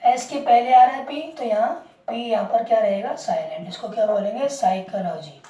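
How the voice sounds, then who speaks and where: A woman's voice: fairly high pitch, a little fast, warm tone, lo-fi sound. A woman teaching English word pronunciation as a lesson, repeating words and asking the class questions. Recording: roomy, distant mic.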